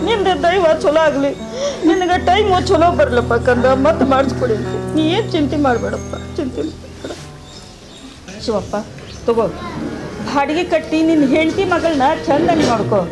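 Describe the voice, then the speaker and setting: A woman plays an aging village mother speaking, her very high voice breaking with tears as she soothes her grown son. Music plays under her lines on the film soundtrack. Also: lively intonation, normal speed. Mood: tender, reassuring. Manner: soothing, tearful pleading.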